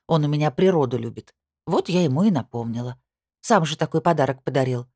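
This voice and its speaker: A woman's voice: low voice, fairly quick, dark tone, slightly rough, no room sound, clean studio sound. A woman voicing an aggrieved young bride who complains heatedly in an audiobook. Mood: indignant. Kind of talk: audiobook character reading.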